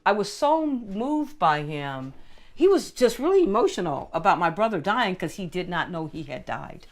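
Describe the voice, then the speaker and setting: An older woman with a slightly low voice tells family stories in an interview. She speaks in a relaxed, conversational way. When she quotes other people, she slips into their voices with animated delivery. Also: normal speed. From California. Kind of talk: storytelling interview.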